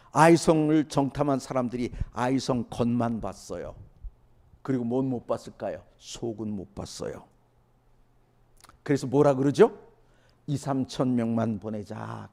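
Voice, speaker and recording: A man preaching a sermon as a pastor. He keeps asking the congregation questions and answering them himself, and he swings from loud emphatic lines down to hushed asides. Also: mid-range voice.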